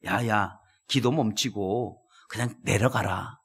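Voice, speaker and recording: A man's voice: lowish voice, slow, a bit bright, slightly rough, pitched below the performer's own voice, full character voice. A male pastor voicing a sly male devil who tempts a praying man with bribes, in a coaxing, bargaining way.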